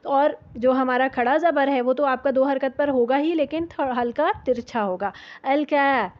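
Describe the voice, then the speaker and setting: A woman teaching Quran recitation rules, explaining patiently and repeating sounds to demonstrate them. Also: high voice. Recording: dull lo-fi audio.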